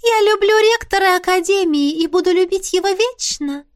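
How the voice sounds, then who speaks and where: Audiobook role: woman reading a mischievous young ghost girl. Voice goes well above the reader's own and sounds thin and a touch distant, with airy mockery. Prim, teasing, playful. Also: moderate pace. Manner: high, airy and mocking.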